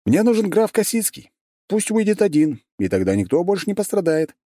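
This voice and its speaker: A cocky young baron who threatens with a smile, mocking and sure of himself, as a male reader puts him on. The voice is pitched high above the reader's own, swinging widely, close and dry. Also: big pitch swings, fairly quick, warm tone, dry recording.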